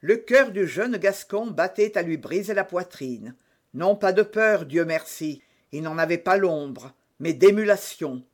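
A man narrating an adventure audiobook with expressive, dramatic storytelling. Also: sits high, measured pace.

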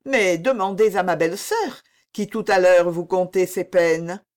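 A woman's voice: on the low side, measured pace, darkish tone, close to an everyday voice. A woman reading the part of a jealous, petulant young prince who answers bitterly and indignantly. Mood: aggrieved.

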